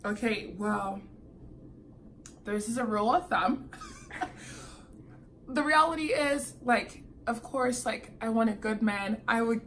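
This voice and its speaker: A woman's voice: fairly high pitch, wildly swooping pitch, takes it slowly, long pauses, fairly bright tone, a little hiss or hum. A woman in her twenties, a nursing student, chatting casually as a guest and giggling often. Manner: chatty, giggly, filler-heavy. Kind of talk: casual chat.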